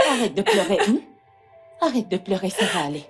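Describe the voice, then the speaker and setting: A woman's voice: high voice, expressive, moderate pace, soft background music. A woman voicing a domineering, scornful mother in a French film dub, mocking and scolding. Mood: soothing. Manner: mocking and scolding, then hushed and coaxing. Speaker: mother of the bride.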